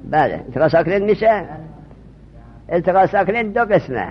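A man's voice: sits high, very animated, slight background noise. A man teaching a religious studies class, repeating key terms and quizzing his students with questions. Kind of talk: classroom lesson. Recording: dull lo-fi recording.

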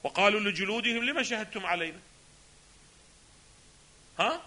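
A man's voice: high voice, animated, normal speed, sharp tone. A man giving a lecture on a philosophy text, often asking rhetorical questions and answering them himself. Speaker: religious scholar teaching a text.

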